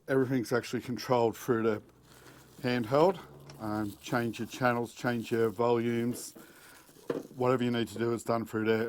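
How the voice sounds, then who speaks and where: In a dry recording, a middle-aged man with an Australian accent and a mid-range voice hosts a DIY four-wheel-drive vlog. He gives a casual, matter-of-fact unboxing and installation walkthrough, first in a backyard and then inside a car cabin.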